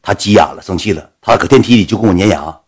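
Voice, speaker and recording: A man's voice: on the low side, fast, breathy edge. A man telling a casual anecdote, acting out the dialogue as he goes. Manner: animated, acts out the quoted dialogue. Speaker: storyteller.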